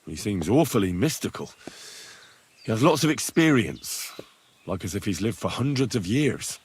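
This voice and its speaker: A man's voice: fairly low pitch, big pitch swings, normal speed, husky, full character voice. An actor playing a terse, plain-spoken young man in video game dialogue. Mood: solemn.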